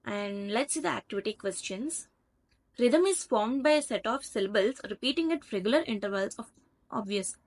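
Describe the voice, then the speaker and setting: Indian woman tutoring patiently, higher voice. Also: lively intonation, moderate pace. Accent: Indian English. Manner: patient, explains step by step with examples. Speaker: online tutor. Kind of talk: explanatory lecture over slides.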